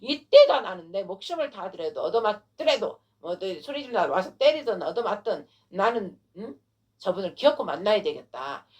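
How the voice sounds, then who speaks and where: A man's voice: sits high, very animated, normal speed. A woman voicing a desperate blind beggar man who pleads insistently to be heard. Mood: determined pleading.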